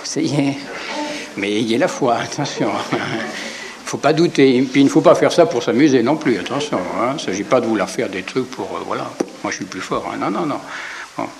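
A man's voice: mid-range voice, fairly quick, gravelly, crowd noise. Chatty French-speaking preacher man. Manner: conversational and digressive, with rhetorical asides and repeated words. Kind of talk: informal sermon retelling the Gospel.

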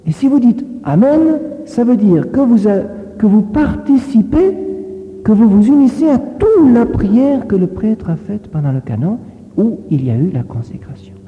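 A fairly high-voiced man preaches a catechism lesson, his pitch rising and falling in a lively, coaxing way. He keeps checking that his listeners follow. The sound is a long hall echo squeezed through a thin, phone-like band. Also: moderate pace. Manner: gentle, coaxing, keeps asking "voyez?". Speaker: priest teaching children. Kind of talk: catechism sermon with storytelling. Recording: echoey hall on a tinny phone-like line.

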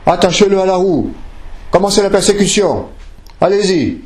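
A man's voice: high-pitched, moderate pace, a little mellow, voice pushed up, natural voice. A man voicing a proud, cruel pagan emperor who gives commands and mocks his prisoner, over background music. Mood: commanding. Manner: commanding, mocking, gloating. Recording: music playing behind.

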